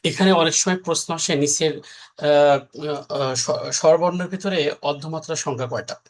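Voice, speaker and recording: In a recorded exam-prep class, a man with a higher-pitched voice walks through the material step by step. He keeps it conversational and frequently makes sure his audience is keeping up.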